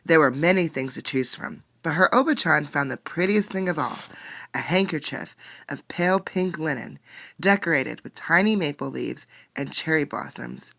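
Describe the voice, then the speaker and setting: A woman's voice: low-pitched, expressive, normal speed, gravelly, fairly bright tone. A woman reading a children's picture book aloud as a teacher, expressively, explaining words and putting questions to the listeners. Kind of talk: interactive children's read-aloud.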